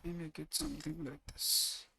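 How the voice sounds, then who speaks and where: A teacher giving a step-by-step maths lecture in a deliberate way, pausing between short phrases. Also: mid-range voice, level tone, gravelly, pushed and bright, slight background noise. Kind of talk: lecture explaining coordinate geometry step by step. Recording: distant microphone.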